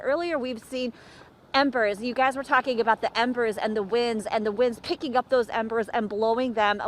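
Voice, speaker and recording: A woman's voice: fairly high pitch, fairly bright tone. A woman field reporter walking and talking urgently through a live breaking news report outdoors near a wildfire, out of breath.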